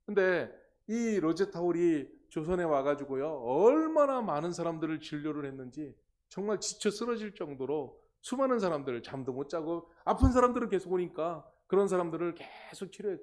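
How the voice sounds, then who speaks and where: A male pastor preaching a Sunday sermon in a church, telling stories with lively, emphatic delivery. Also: fairly high pitch, normal speed. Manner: animated storytelling, emphatic exclamations. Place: church sanctuary.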